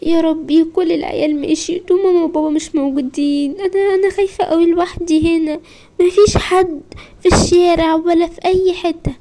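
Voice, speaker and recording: Quick high-voiced schoolgirl, told by a woman with an Egyptian Arabic accent. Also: fairly even intonation, dark tone. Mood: worried. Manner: rapid, breathless, exclamatory. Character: young schoolgirl left alone, fearful. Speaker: storyteller. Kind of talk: first-person role-play story narration.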